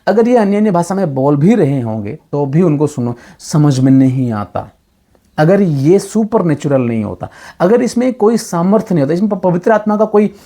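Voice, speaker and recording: Native Odia man, Bible teacher, emphatic and animated, keeps asking rhetorical questions. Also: on the high side. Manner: emphatic, rhetorical questions, mixes English phrases. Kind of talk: argumentative Bible talk.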